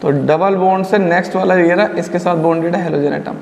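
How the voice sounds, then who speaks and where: A man's voice: sits high, fairly even intonation, brisk, gravelly, darkish tone. A man teaching a chemistry lecture in speech, mixing English terms and playfully scolding students. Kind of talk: classroom lecture. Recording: echoey room with long reverb.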